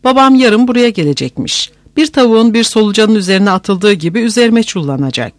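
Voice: mid-range voice, lively intonation, a little fast, no room sound, close to an everyday voice. A narrator voicing a spoiled, proud young woman who is frightened and pleading, in an audiobook reading. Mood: anxious.

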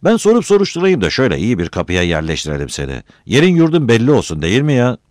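A man's voice: medium pitch, huge pitch swings, fast, a little mellow, dry recording, clean studio sound, voice pushed up. A man voicing a self-important village headman who talks down and gives orders. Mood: bossy. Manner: bossy, patronizing.

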